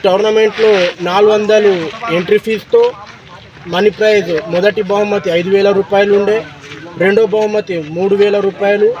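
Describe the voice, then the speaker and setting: A man giving a halting, repetitive statement to a news camera outdoors. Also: high voice, flat delivery, a crowd in the background. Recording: dull lo-fi, noisy outdoor sound.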